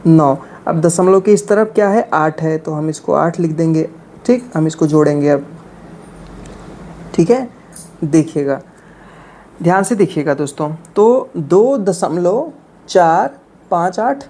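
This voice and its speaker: A woman's voice: mid-range voice, dark tone, a little hiss or hum. A woman teaching a math lesson for beginners, walking through each step patiently and reading digits one by one. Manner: slow and patient, reads digits one by one, often says "ठीक है".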